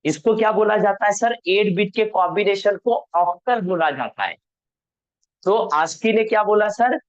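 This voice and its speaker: A high-pitched man teaches a networking class over a video call. He keeps asking his students questions, answers each one himself and stops to fix his own slips. The sound is dull and lo-fi. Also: expressive, moderate pace. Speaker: networking instructor. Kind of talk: online class lecture.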